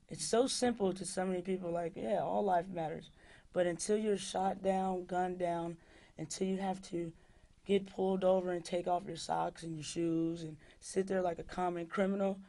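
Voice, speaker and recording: A woman's voice: fairly low pitch, mellow. A woman activist telling a story in a studio interview, plain-spoken, with "um" and "like" fillers. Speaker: activist guest.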